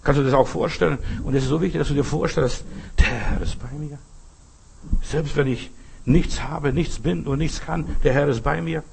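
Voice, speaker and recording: A man preaching a devotional sermon, pleading with the listener through slow, repeated rhetorical questions. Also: fairly high pitch, steady tone, gravelly, darkish tone, slight background noise.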